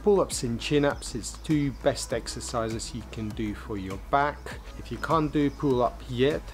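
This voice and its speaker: A fitness vlogger with a medium-pitched voice gives practical home-gym tips in a casual instructional talk to camera, set in a home room and a garden. His recommendations are plain and practical, and his grammar is non-native.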